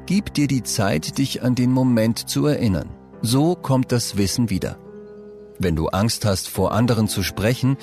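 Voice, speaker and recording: A man narrating scripted advice for young people, speaking calmly and addressing the listener directly. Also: medium pitch. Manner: calm, direct second-person advice.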